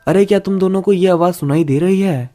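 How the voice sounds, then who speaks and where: A man's voice: high-pitched, a little fast, mellow, voice pushed up, lightly acted. A man voicing a confused young man who has just woken from a trance, in a horror story narration. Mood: puzzled.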